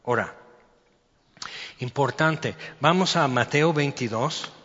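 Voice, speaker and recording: A man's voice: mid-range voice, takes it slowly, fairly bright tone. A man with a Mexican accent preaching a sermon, explaining Bible verses in a conversational way with rhetorical questions. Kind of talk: sermon with scripture reading. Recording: dull lo-fi sound with long hall reverb.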